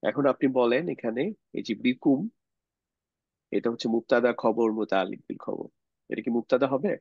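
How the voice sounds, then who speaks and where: Male online teacher, explains step by step and quizzes students, mid-pitched, dry lo-fi mic. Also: vocal fry, a little mellow, slightly rough, no echo. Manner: explains slowly, poses questions to students, mixes English words. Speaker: Arabic grammar teacher. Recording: dull lo-fi sound, dry.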